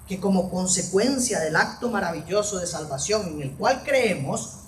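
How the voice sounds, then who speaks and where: A preacher delivering a sermon on a Bible passage in an animated way, swinging between soft low asides and raised, emphatic phrases. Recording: echoey room picked up from a distance with faint background noise.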